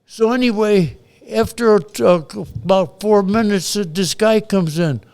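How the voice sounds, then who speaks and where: A man's voice: high voice, measured pace, a little mellow, smooth. An older man telling a blunt, profane story from his past in a casual chat. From Chicago. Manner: blunt, profane, acts out quoted voices. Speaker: storyteller guest.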